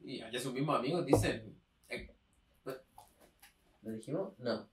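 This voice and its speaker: A man's voice: mid-range voice, a little slow. A young man co-hosting a casual literary podcast, often agreeing with "claro" and reading short passages aloud. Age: young adult. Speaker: podcast co-host. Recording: roomy echo, mic at a distance.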